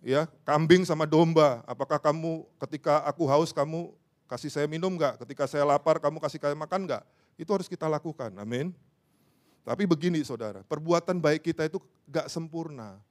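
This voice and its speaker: Fervent male preacher, rising and loud. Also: fairly high pitch, a little fast. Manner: calls on the congregation, asks for amens and applause; acts out everyday dialogue to make a point. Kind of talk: sermon.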